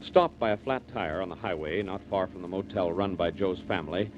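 A male announcer giving a brisk scripted recap of the story in old-time radio style, heard as an old broadcast. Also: low-pitched, dull audio, background noise. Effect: old radio broadcast sound.

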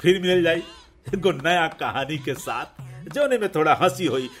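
A man's voice: on the high side, animated, normal speed, a bit bright, faint music behind. A man with a Bhojpuri accent, a radio host narrating a humorous folk tale in a chatty, playful way, talking to his listeners like friends. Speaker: radio jockey and storyteller.

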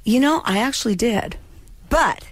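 This Californian woman in her sixties once worked as a child actor and now banters as a guest on the radio, her slight lisp audible. Her voice is a little high and animated, at a moderate pace, with studio-quality sound and no room noise.

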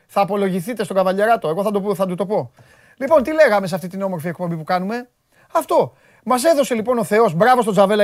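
Man, sports show host, animated and jokey, dry close sound. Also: no room sound. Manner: excitable, jokey, voice jumps high when worked up.

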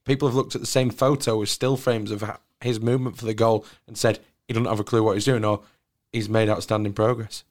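A man in his thirties hosts a football podcast. His voice is a touch low, and he steers the discussion conversationally. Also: little pitch movement, brisk. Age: 30s. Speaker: podcast host.

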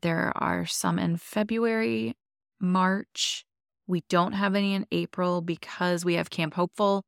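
Brief: young woman podcast host, lilt, chatty and upbeat, lowish voice, dry close sound. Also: fairly even intonation, unhurried, gravelly, dry recording. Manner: chatty and enthusiastic, many likes. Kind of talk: casual chat.

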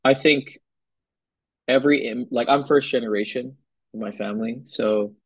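Young man, from Hawaii, husky voice, dry close sound, casual filler-heavy chat, interview guest. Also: medium pitch, moderate pace, no room sound, muffled recording. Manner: relaxed, loose, filler-heavy talk. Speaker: guest musician. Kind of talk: casual conversation.

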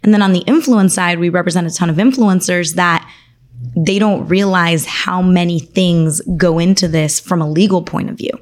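Articulate, fairly low-voiced woman attorney. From Argentina. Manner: articulate, enthusiastic, lists things quickly. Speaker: attorney, podcast guest. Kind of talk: conversational interview.

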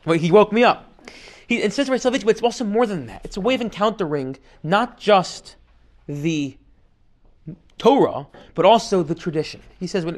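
Animated high-voiced man teaching a class. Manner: animated, mixes Hebrew and Yiddish terms, reads passages aloud. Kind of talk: lecture on a text.

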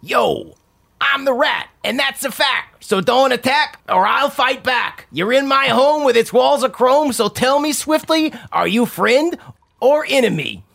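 A man voicing a squeaky, pixie-like, brash and scrappy rat creature in a tabletop game. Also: lively intonation, normal speed, creaky, pushed and bright, full character voice. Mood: cocky, wary.

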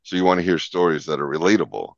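A man with a very low voice tells backstage stories in an animated, casual way, laughing often and acting out the people in them. The recording is dry and a little dull. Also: fast talker, gravelly, dry recording. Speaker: guest, talk show segment producer. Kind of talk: casual storytelling chat.

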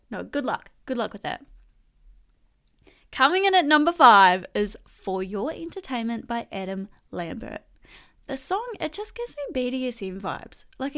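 A young woman hosting a casual song countdown, talking in an animated, slangy, gushing way. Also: a little high. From New Zealand. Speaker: host.

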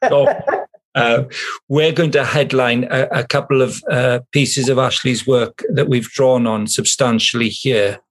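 A man's voice: medium pitch, fairly even intonation, a little slow, hardly any pauses. A man hosting a podcast, wrapping up an interview with thanks in a playful manner. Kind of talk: interview wrap-up.

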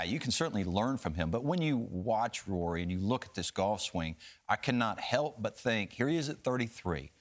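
A man working as a golf commentator, analysing play in a measured, emphatic way and repeating key phrases. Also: sits low.

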